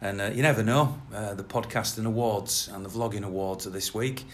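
A man's voice: lowish voice, a little fast, slight background noise. A man presenting a football podcast in a rambling, conversational way.

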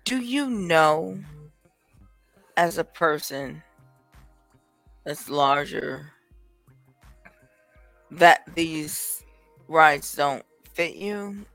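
A podcast co-host talks casually in a bright, forward voice with noticeable creak. The phrasing is slow and halting, recorded very dry. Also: mid-range voice, animated, dry recording, soft background music.

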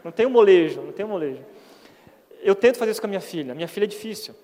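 A man's voice: high-pitched, lively intonation, very fast, dark tone. A man with a Brazilian Portuguese accent preaching a sermon in an earnest, folksy way, often asking for agreement. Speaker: pastor. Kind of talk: conversational sermon. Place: church hall. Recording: long church hall reverb.

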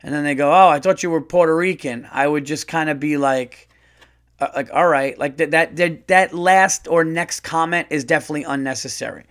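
A man's voice: a little high, brisk. A man hosting a casual comedy podcast, reading listener letters aloud and reacting bluntly, often laughing and cursing. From United States. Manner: animated, laughs a lot, blunt and profane. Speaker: podcast host.

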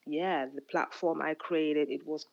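A woman from Uganda answering interview questions in a casual, thoughtful way, with frequent ums and pauses over a remote call. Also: low voice, fairly even intonation, creaky, no room sound, muffled recording. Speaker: podcast guest, fashion platform founder.

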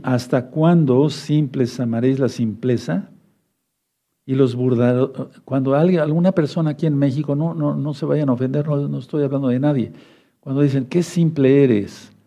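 A man's voice: medium pitch, normal speed, vocal fry, dark tone. A man teaching a Bible study sermon, repeating key points, spelling out words and asking listeners to take notes. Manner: addresses listeners as beloved brothers, asks for note-taking.

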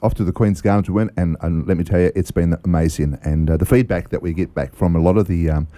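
Deep fast-talking Australian man. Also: steady tone, mellow, dry recording. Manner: rambling, hesitant, with many fillers. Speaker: festival organiser guest. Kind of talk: casual radio interview. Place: radio studio.

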